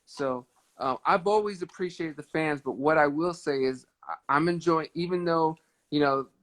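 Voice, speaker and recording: A man in his thirties hosting a casual livestream chat with a fan, warm and often repeating words as he thinks. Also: on the high side, normal speed, low-quality recording. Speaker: livestream host. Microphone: phone on a live video stream.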